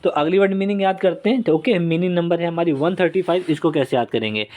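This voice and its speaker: A man's voice: on the high side, fast, darkish tone. A man teaching exam vocabulary in a casual lesson, repeating key words and checking in with "okay?", joking about his own drawings. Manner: self-deprecating while drawing on screen. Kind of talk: casual Hindi-English exam lesson with mnemonics.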